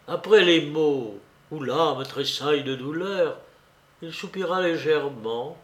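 Slow, measured male audiobook narrator. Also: fairly high pitch. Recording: roomy echo.

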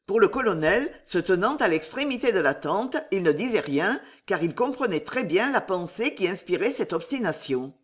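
Expressive woman reading a novel aloud. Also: medium pitch, normal speed, few pauses. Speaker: audiobook reader. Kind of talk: scripted narration of a novel.

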